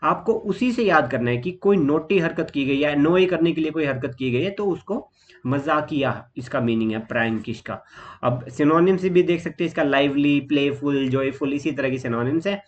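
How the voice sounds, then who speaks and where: Indian guy explaining vocab for exams, bit high voice, muffled lo-fi audio. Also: moderate pace. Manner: steady explaining with fillers and lists. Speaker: exam vocabulary teacher. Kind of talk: explanatory lesson.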